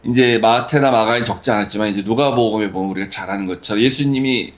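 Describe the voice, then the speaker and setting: A man's voice: lowish voice, fast. A man preaching a sermon as pastor, conversational and full of rhetorical questions.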